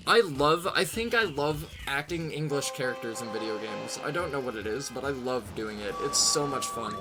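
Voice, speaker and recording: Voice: medium pitch, lively intonation, normal speed. A let's-play gamer giving casual, joking, profane commentary over game music. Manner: joking, profane, laid-back.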